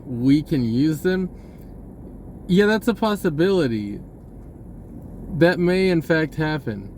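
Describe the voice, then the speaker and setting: An online video creator delivers a rambling, spontaneous message, informal and hesitant, frequently rephrasing himself mid-thought. His voice is a little high, expressive and slow, with a darkish tone and a bit of hiss or hum in the audio.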